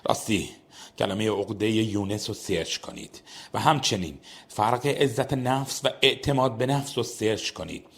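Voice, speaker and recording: A man hosting a program, reading a scripted narration in a rapid, formal delivery. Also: on the low side. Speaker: program host.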